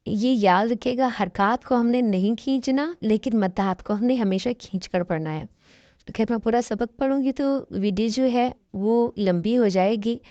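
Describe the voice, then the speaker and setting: A woman's voice: a little high, normal speed, warm tone, no room sound, highs cut off. A woman with a Pakistani Urdu accent teaching Quran reading, spelling out letters and drawing out each syllable with patient instruction. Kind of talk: slow spelled-out recitation lesson.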